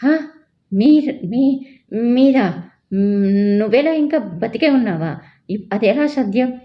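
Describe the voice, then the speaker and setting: A man's voice: high-pitched, expressive, normal speed. A woman voicing a startled young businessman in an audio story, stammering when shocked, on a dull lo-fi recording.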